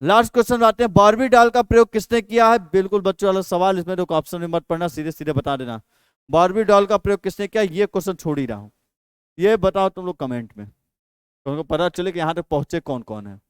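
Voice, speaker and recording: A man's voice: sits high, quick pace, clean tone, no echo. A man teaching an exam practice lesson, repeating each question and then answering it himself.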